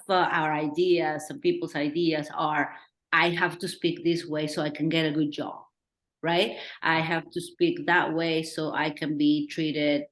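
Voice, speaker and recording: A middle-aged woman from Peru with a Peruvian accent, talking earnestly as a director in a Q&A and thinking out loud with restarts. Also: low-pitched. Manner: earnest, thinking aloud with restarts and acted-out quotes. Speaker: documentary director. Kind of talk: Q&A discussion. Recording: roomy echo.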